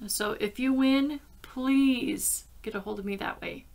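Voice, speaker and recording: A woman's voice: fairly high pitch, a little slow, vocal fry, a little mellow. A woman in her forties hosting a casual craft vlog, chatting to viewers and rambling as she narrates each step aloud. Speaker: craft channel host. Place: small craft room at home, indoors. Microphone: laptop webcam at arm's length.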